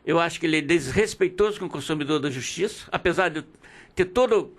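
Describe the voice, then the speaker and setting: A man in his seventies with a Brazilian accent hosts a radio interview, talking in a conversational, opinionated style. His voice is on the high side and his pace is quick.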